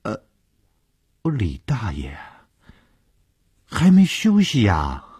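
Brief: jittery stammering young man, voiced by a male narrator, pitched well up and loud, radio horror tale. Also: sing-song, normal speed. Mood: nervous. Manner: stammering, anxious questions.

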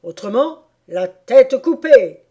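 A woman voicing a pompous storybook king, speaking loudly, slowly and threateningly. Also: mid-range voice. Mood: angry. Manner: loud, slow and threatening.

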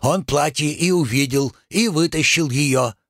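A man voicing an excited common man from the crowd, reporting in an animated, breathless way. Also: on the high side, unhurried, no echo, clean studio sound, pitched above the performer's own voice.

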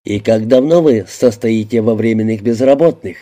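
A man's voice: lowish voice, normal speed, lightly acted. A man voicing a hard, threatening police detective who questions bluntly. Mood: menacing. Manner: blunt, menacing, shouting at times. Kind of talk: audiobook character voicing.

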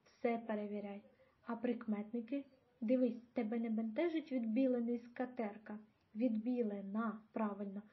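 A woman reading an older grandfather who patiently coaches his grandson through grammar, gently teasing. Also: on the high side, steady tone, normal speed, natural voice. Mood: coaxing. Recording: dull lo-fi audio.

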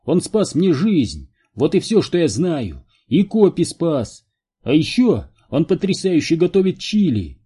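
A man voicing an excited, cocky young man who guides others to a strange creature, talking loud and eager. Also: a little high, a little slow, breathy edge, voice pushed up, heavily acted.

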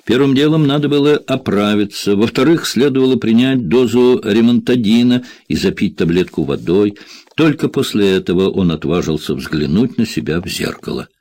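A man narrating a thriller audiobook in a steady, measured reading. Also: lowish voice, no room sound.

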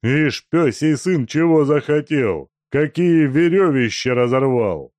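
A man reading an audiobook, voicing a brutal, mocking male robber chief in a loud, gruff, taunting voice. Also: fairly low pitch, expressive, measured pace, no echo, pitched above the performer's own voice. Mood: barking orders. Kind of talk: audiobook character voice.

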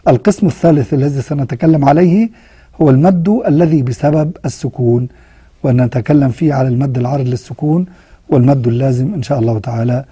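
A man with an Egyptian accent teaching Quran recitation rules, mixing formal Arabic with colloquial asides and chanting the verse examples slowly. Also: mid-range voice, dark tone, husky, no echo. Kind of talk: tajweed lesson with recited examples.

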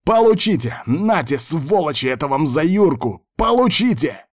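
A man reading an audiobook, voicing a furious young male soldier who yells wildly as he fires. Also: on the high side, sing-song, moderate pace, voice pushed up. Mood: furious yelling. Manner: yelling wildly.

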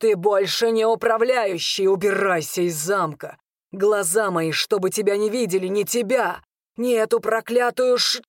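A woman voicing a quick-tempered, arrogant young male dragon lord who talks down harshly and shouts. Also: fairly low pitch, dry recording, studio quality, natural voice. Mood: furious.

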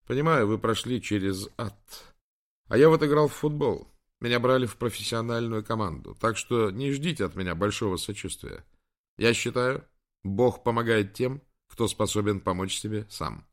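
A man's voice: lowish voice, normal speed, natural voice. A man doing a blunt young Andalusian trainer. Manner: clipped, blunt. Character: brash young male rehab trainer.

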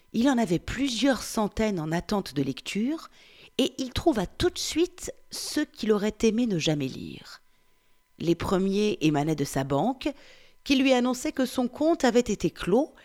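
A woman reading an excerpt of a novel aloud in a calm, measured way. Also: medium pitch. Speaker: book reader.

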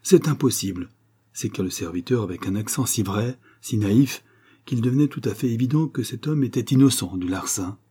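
Male narrator, audiobook, low voice, husky, mellow tone. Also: a little fast. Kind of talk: scripted narration.

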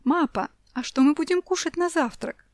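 A woman's voice: sits high, moderate pace, a little mellow, no room sound, clean studio sound, voice pushed up, natural voice. A woman voicing a spoiled six-year-old girl who whines and wails in a storybook reading. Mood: bright. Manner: whiny, wailing pleas.

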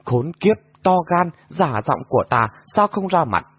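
A man voicing a fierce, imperious woman martial sorceress who shouts commands in a shrill voice. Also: big pitch swings, fairly quick, breathy edge, no room sound. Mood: furious. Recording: dull lo-fi audio.

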